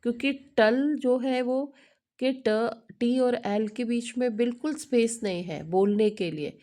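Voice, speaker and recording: A middle-aged woman with a mellow, mid-range voice teaches an English lesson in a mix of Hindi and English. She frequently checks in with the listener and corrects herself.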